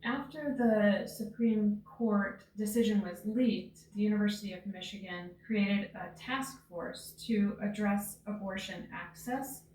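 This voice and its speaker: Brief: middle-aged woman doctor, careful and halting, distant echoey sound. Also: mid-range voice, darkish tone, a little hiss or hum. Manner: thoughtful, hesitant with fillers. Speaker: gynecology chief. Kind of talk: news interview statement. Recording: roomy sound from off mic.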